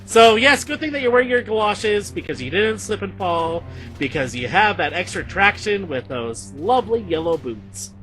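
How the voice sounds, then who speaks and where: A man's voice: high voice, lively intonation, normal speed, bright, forceful tone, faint music behind. A man running a tabletop game as game master, narrating playfully and laughing often.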